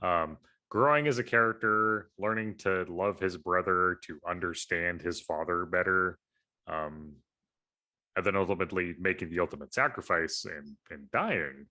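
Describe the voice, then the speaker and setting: Low-pitched male co-host, bright edge, thinks aloud in long meandering casual chat. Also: moderate pace. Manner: analytical, rambling with fillers. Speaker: podcast co-host.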